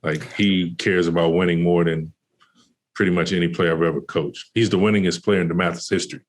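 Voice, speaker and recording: A college basketball associate head coach tells a story on a casual podcast interview, his low voice moving a little fast. He uses lots of fillers and restarts and gets animated when retelling conversations.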